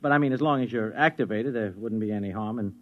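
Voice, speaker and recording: An actor playing a flustered, wavering husband and keen tinkerer in a 1950s radio drama, stammering and blustery, on a muffled old recording. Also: male voice, fairly low pitch, fast talker, close to an everyday voice. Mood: hesitant protest.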